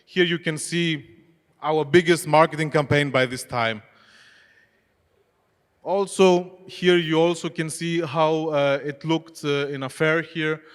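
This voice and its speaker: A head of e-commerce, Greek by first language, speaks in a smooth, slightly high voice during a chatty presentation on an expo hall stage. He asks the audience questions in loosely phrased English, and the large hall lends a long reverb.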